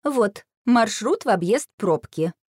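A woman's voice: mid-range voice, expressive, slow, a little mellow, slightly rough, no room sound, clean studio sound, voice pushed up. A woman voicing a skeptical, demanding sparrow mother.

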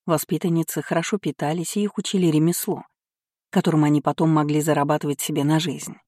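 Audiobook narrator, measured, even, warm mellow voice, dry close sound. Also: medium pitch, no echo. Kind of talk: scripted narration.

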